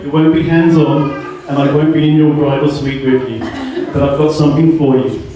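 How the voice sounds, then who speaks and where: A man giving a joking best man speech in deadpan delivery at a wedding reception. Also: fairly high pitch, fairly quick. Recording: echoey hall from far off, laughing crowd. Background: guests laughing.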